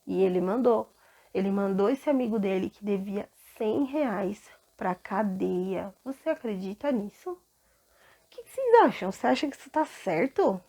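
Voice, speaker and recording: A woman's voice: medium pitch, normal speed. A woman with a Brazilian Portuguese accent, telling a Bible story to children and asking them questions. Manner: animated, asks children questions.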